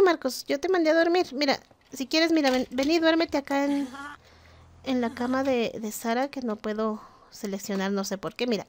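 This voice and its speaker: Chatty high-voiced woman. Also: a little hiss or hum. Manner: chatty, exasperated, jokes with game characters. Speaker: gaming vlogger. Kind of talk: casual gameplay commentary.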